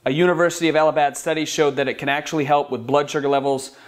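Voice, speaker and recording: A man's voice: on the high side, flat delivery, very fast. Chatty enthusiastic health vlogger man. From Michigan. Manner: enthusiastic, chatty, sells his favorites. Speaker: wellness channel host. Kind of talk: upbeat product-style health vlog.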